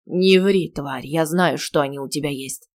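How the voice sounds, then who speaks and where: A woman reading an audiobook who voices a threatening male attacker in a hoarse, deliberately disguised deep voice. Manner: threatening, low and clipped.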